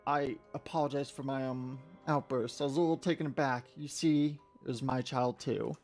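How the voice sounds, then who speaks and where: A man's voice: mid-range voice, steady tone, moderate pace, darkish tone, soft background music, lightly acted. A man voicing a fussy, motherly female librarian who calls people dearie, sweet but nervous. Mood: shaken.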